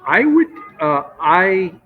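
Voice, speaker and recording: A man's voice: sits high, very animated, slow, faint music behind. A man talking casually as a sports reporter being interviewed live from a hotel lobby restaurant. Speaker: sports reporter, guest on a show. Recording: muffled, noisy hotel lobby ambience. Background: hotel lobby noise.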